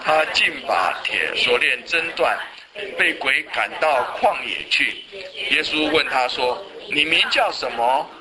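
A man leading a group Bible study, asking the group quick questions and reading scripture aloud with them. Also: medium pitch, lively intonation, a crowd in the background, rough recording. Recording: voices of a group reading along in a room.

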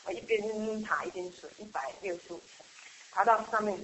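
A middle-aged woman sharing a personal church testimony in a chatty, halting way, with frequent laughs and restarts. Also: mid-range voice, fairly bright tone, a little hiss or hum, low-quality recording. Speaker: church member giving a testimony. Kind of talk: casual spoken testimony.

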